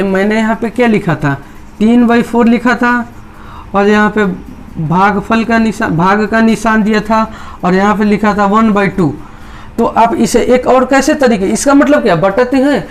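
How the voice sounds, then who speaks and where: Man, maths teacher, high pitch, repetitive step-by-step explaining. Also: normal speed, slight background noise. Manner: repetitive, explains step by step, voices students' doubts. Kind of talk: chalkboard maths lesson.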